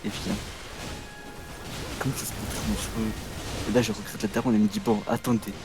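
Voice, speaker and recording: A man's voice: fairly low pitch, flat delivery, a little fast. A man in his twenties telling a rambling childhood story on a game stream, restarting his sentences and acting out the voices of the people in it. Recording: game music playing behind.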